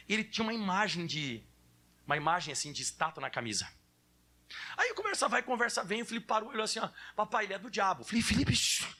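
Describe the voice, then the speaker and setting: High, bright-voiced male pastor preaching. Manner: animated, acts out children's whining voices. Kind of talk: sermon. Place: church.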